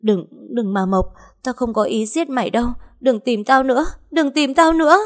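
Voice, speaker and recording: A woman's voice: a little high, normal speed, pitched above the performer's own voice, lightly acted. A woman voicing a terrified, guilt-ridden woman begging a ghost for mercy, in a panicked, shrieking, pleading manner.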